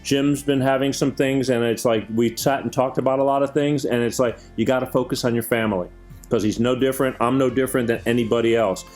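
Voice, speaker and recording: A man's voice: mid-range voice, fairly even intonation, fast talker, a little mellow, faint music behind. A man hosting his own chat show, talking earnestly and rambling with lots of fillers and restarts. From Greek heritage. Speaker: show host.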